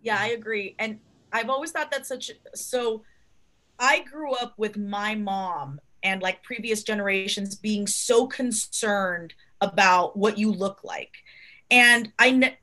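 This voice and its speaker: Bright-voiced woman host, chatty and laughing. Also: mid-range voice, slow. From Cuba. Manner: chatty, laughs often, acts out quotes. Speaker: podcast host. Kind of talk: casual interview conversation.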